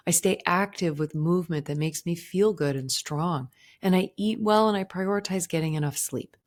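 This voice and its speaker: A woman in her forties, a podcast host, sharing a gentle, earnest personal reflection. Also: fairly low pitch. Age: 40s. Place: indoors.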